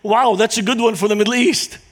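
Guest preacher, higher-pitched man, earnest with jokes. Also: steady tone, a little fast. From Lebanon. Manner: humorous, storytelling, earnest. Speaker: guest speaker. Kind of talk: church talk to a congregation.

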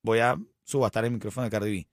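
A man's voice: on the low side, fairly even intonation, fast talker, no room sound. A man hosting a morning radio show, joking and hyping the station with lots of energy. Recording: radio studio with music bed.

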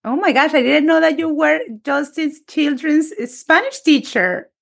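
A woman hosting a podcast interview over a video call, enthusiastic and expressive as she welcomes her guests. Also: high voice, measured pace, creaky. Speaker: podcast host. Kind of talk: casual interview chat.

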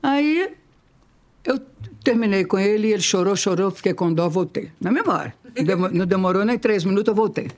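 Uma mulher de oitenta e poucos anos com sotaque mineiro, contando casos de forma animada e imitando as vozes das pessoas. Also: female voice, medium pitch, fairly quick. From Ubá, Minas Gerais, Brazil. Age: 80s. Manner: lively, laughing, acts out quoted voices. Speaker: interviewed singer, twin sister. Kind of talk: casual storytelling.

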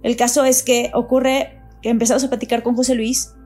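A woman recounts events in relaxed conversation. Her voice sits high, and she talks in animated bursts full of repeats and fillers. Faint music plays underneath. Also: fairly quick. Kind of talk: casual chat.

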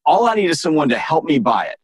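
Man, podcast guest, higher-pitched, dry close sound; punchy, exasperated storyteller. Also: fast talker, husky, no echo. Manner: emphatic, animated anecdotes with exasperated rhetorical questions. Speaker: sales author and interview guest.

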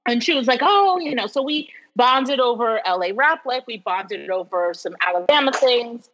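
A woman from New York in her forties, a professor telling stories as an interview guest in an animated way, laughing often. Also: a little high, moderate pace. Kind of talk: casual storytelling interview. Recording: dull lo-fi sound with long reverb.

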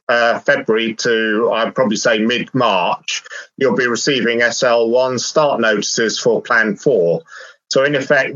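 A man's voice: mid-range voice, no echo. Brief: male panel expert, methodical, dry dull recording. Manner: detailed, steady explainer. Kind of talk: explanatory panel talk.

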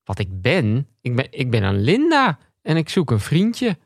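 A man voicing a young, naive female tapeworm in a comic story, who talks simply and a little haltingly. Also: medium pitch, wildly swooping pitch, dry recording, clean studio sound. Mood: friendly, naive.

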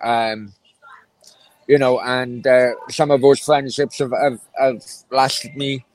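A man in his forties with a South Wales Valleys accent, answering reflectively and haltingly in a casual interview. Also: medium pitch, fairly even intonation, a little mellow, dry recording, rough recording. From Merthyr, South Wales. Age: 40s. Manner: halting, hesitant delivery with many pauses. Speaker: interview guest, former councillor.

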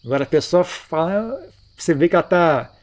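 A man giving a relaxed, conversational Buddhist dharma talk, often ending phrases with tag questions. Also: fairly high pitch, brisk. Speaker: Buddhist teacher. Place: monastery.

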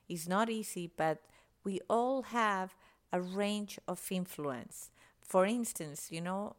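A woman from Venezuela, speaking passionately and emphatically in a podcast monologue. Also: on the low side. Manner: passionate, emphatic, citing statistics. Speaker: podcast guest.

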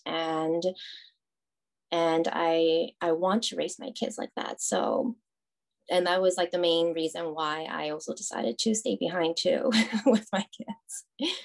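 Woman, thirties, from Taiwan, podcast guest, lowish voice, soft-spoken, chatty, many fillers. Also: gravelly. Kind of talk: casual interview conversation.

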